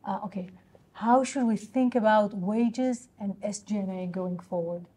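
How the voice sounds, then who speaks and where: Here a woman fields earnings call questions off the cuff as a company executive. Her voice sits in the middle range, soft-edged, mellow and a bit husky, while her businesslike explanations come haltingly as she works out each answer.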